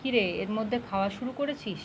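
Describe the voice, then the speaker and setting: A woman's voice: medium pitch, a little fast, noisy background, lightly acted. A woman reading the lines of a chatty, teasing middle-aged male writer friend in a storybook reading. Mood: friendly. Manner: teasing, talkative.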